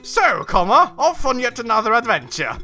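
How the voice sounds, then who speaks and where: A man's voice: very high voice, wildly swooping pitch, normal speed, bright, forceful tone, faint music behind, pitched above the performer's own voice, heavily acted. A man voicing a cheerful old-fashioned male game character in a put-on English accent, reading in an exaggerated sing-song way. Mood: encouraging.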